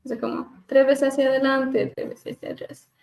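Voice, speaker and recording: A woman speech therapist leading a webinar on voice care, gently demonstrating hums and glides over a video call and laughing at herself now and then. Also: high-pitched, flat delivery, moderate pace, vocal fry. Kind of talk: live webinar lesson on vocal exercises.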